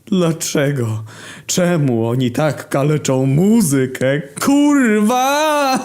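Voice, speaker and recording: A boisterous, weepy wedding musician with a velvety, slightly hoarse voice, put on by a man reading a story. He talks well above the reader's natural pitch, exclaiming and swearing in an audiobook-style reading. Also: lively intonation, a little slow, a little mellow. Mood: wailing.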